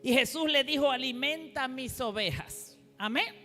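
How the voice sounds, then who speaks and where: A woman preacher with a high, somewhat bright voice speaks at normal speed, guiding the congregation to repeat her phrases in a call-and-response sermon. The church hall sounds reverberant, and faint music can be heard.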